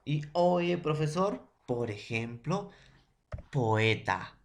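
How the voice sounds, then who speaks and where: A man's voice: fairly high pitch, expressive. A man from Peru teaching a secondary school language lesson, sounding out words syllable by syllable and asking his students "ya?" and "no?" to check they follow. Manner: slow, syllable-by-syllable spelling out of words, with frequent "¿ya?" and "¿no?" checks; poses questions and answers them himself. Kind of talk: classroom lesson.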